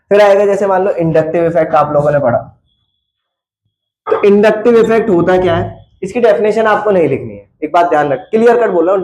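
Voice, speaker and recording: Male chemistry teacher, blunt and scolding, slightly high voice, echoey classroom. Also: darkish tone, slight background noise. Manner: blunt, scolding, addresses students casually. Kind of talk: classroom lecture. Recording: echoey room.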